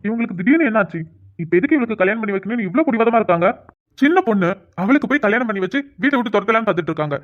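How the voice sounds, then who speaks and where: A woman's voice: on the low side, fast talker, dull audio, lightly acted. Woman voicing a heated, protective big brother. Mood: angry. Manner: heated, insistent. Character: young adult man, protective elder brother. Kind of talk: cartoon voice acting.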